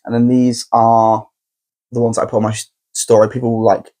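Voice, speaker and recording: A man co-hosting a podcast, reading out listener messages with animated, giggly chat. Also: mid-range voice, normal speed. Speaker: podcast co-host. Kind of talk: casual chat.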